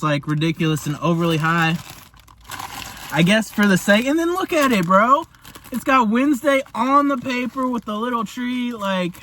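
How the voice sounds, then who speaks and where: A young man with a high-pitched voice tastes fast food on camera. He gushes in casual slang and sometimes talks with his mouth full. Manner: excitable, slangy, gushing; talks while eating. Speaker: food reviewer. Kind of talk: casual taste-test vlog.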